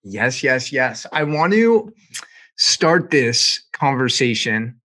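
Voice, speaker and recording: Brief: male podcast host, upbeat motivational delivery, mid-pitched voice. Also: takes it slowly. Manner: energetic, motivational. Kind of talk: podcast intro and interview.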